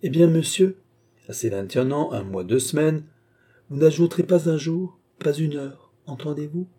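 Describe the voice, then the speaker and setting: A man's voice: mid-range voice, expressive, normal speed, mellow, slightly rough. A man voicing a proud, imperious marshal of eighty-eight who scolds his servant in haughty, curt orders, read as an audiobook character.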